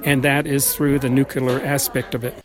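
A man's voice: mid-range voice, level tone, moderate pace, music in the background. A man at a march speaking earnestly and emphatically in an interview. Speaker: community member at a march. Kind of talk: interview statement.

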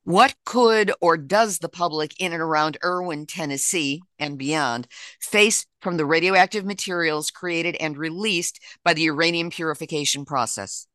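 A woman hosting an interview, asking measured, formal questions. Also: sits low, fairly bright tone, no echo. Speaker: interview host.

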